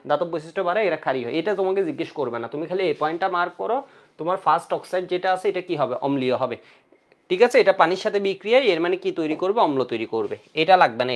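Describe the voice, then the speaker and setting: A man's voice: a little high, lively intonation, racing. A man teaching an online chemistry lecture for exam prep, repeating key points again and again to drill his students.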